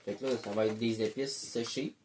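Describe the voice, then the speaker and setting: A man's voice: fairly low pitch, fairly even intonation, normal speed, heavy background noise. A man with a Québécois French accent chatting casually as he tastes snacks, munching chips while he talks. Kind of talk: casual chat, food tasting.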